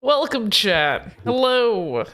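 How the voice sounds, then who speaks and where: A woman's voice: a little high, sing-song, slow, noisy background. A tired woman hosting a tabletop game stream in casual chat, blunt and crude, recorded on a poor mic in an echoey empty apartment room. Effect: echoey sound of an empty apartment room. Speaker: host. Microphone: poor home streaming mic.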